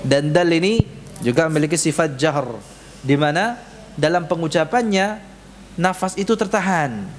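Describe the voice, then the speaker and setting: Guy teaching tajwid really slow and patient, kinda high voice, long echo in the mosque hall. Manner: slow, patient, drills sounds and asks the class to repeat. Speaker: Quran recitation teacher. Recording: reverberant hall, faint room noise.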